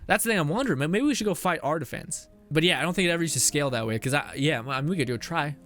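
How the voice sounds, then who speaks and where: A young man streams a game in casual live commentary, laughing often and reading chat messages out loud. His voice is on the high side, expressive, rapid-fire and a bit bright, with faint music behind him, and he's out of breath at times.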